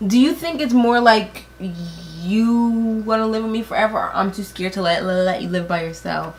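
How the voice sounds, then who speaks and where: A woman's voice: medium pitch, moderate pace. A woman in her twenties, tipsy and giggly, chatting casually with blunt, teasing, swear-happy remarks while doing makeup. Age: 20s. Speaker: vlogger doing a makeup challenge.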